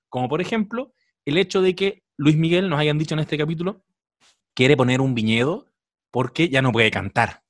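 A Chilean man talks through a TV episode in a relaxed podcast chat, pausing on fillers as he works out his points. His mid-range voice is recorded close and dry, with no room sound. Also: a little high, no room sound. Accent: Chilean Spanish. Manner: chatty, analytical, with thinking fillers. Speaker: podcast co-host. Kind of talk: casual podcast chat reviewing a series.

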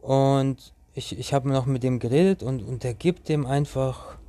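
A man's voice: mid-range voice, measured pace, mellow. A young man telling a story to his viewers in a casual, rambling way, full of slang and restarts.

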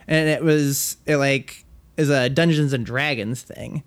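A man's voice: mid-range voice, fairly even intonation, measured pace. A man co-hosting a podcast, chatting casually about music, rambling with fillers and laughing easily. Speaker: podcast co-host. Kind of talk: casual music review chat.

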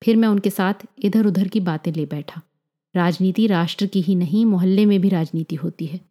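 A woman reading a story aloud in a measured, even storytelling manner, as the host of a story channel. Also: fairly low pitch. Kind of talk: scripted story narration.

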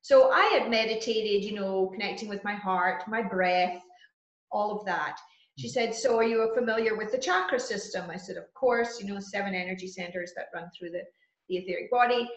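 A woman talking as an interview guest, telling spiritual experiences in an earnest, unhurried, conversational way. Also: mid-range voice. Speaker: interview guest, trance channeler and healer. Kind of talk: conversational first-person spiritual storytelling. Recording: muffled, roomy, echoing audio.

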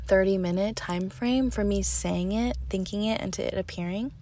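Chatty young woman with a gravelly edge. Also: medium pitch, moderate pace, a little hiss or hum. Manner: chatty, heavy use of "like", drops to soft whispers. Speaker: podcast host. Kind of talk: casual storytelling monologue.

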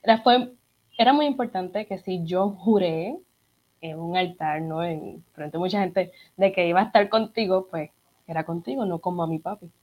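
A woman from Puerto Rico with a softened Puerto Rican Spanish accent, chatting as an interview guest and acting out the voices in her stories. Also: on the low side, normal speed. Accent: Puerto Rican Spanish, slightly neutralized. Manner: chatty, animated storyteller who acts out dialogue. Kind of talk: casual conversational interview.

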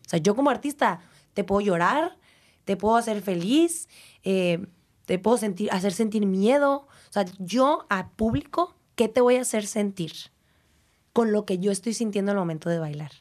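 A woman's voice: mid-range voice, normal speed. A young woman with a Mexican accent, a dancer and teacher, talking reflectively in an interview and acting out what people say. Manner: reflective, animated, acts out quotes. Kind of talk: casual interview talk.

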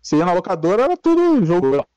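A Brazilian man in his thirties speaks on a video call with a slightly high voice, and his audio breaks up in choppy, cutting-out bursts. He rambles in a relaxed way and often restarts his sentences. The sound is dry and close, with no room around it. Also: quick pace, dry recording, muffled recording. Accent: Brazilian Portuguese. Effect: choppy audio cutting out over an online call. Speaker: interview guest. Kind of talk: casual remote interview.

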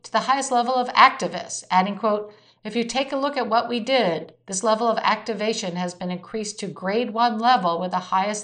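A woman's voice: mid-range voice, a bit bright. A woman narrating a scripted weekly news summary, marking each quotation aloud. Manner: reads quotes with air quotes.

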